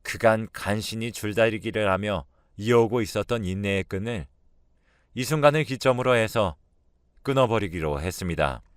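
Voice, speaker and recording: A man's voice: fairly low pitch, moderate pace, smooth, no echo, studio quality. A man narrating a first-person radio story in a weary, resigned way.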